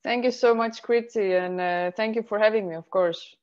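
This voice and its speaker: A woman's voice: medium pitch, fairly even intonation, a little mellow. Woman career advisor. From Estonia. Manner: measured, explaining in steps. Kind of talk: interview answers. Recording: slightly muffled sound.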